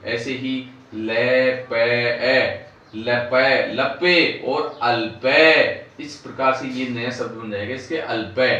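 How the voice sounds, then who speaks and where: A man teaching a class, sounding out syllables slowly one by one and explaining the words they build. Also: medium pitch, pushed and bright. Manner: slow, drawn-out syllable-by-syllable pronunciation. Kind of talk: classroom lesson. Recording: echoey room, voice far from mic.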